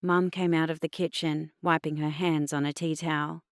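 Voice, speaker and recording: A woman with an Australian accent reading a novel aloud in steady, even scripted narration. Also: low-pitched, moderate pace, clear, resonant tone, no room sound, studio quality. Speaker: audiobook narrator.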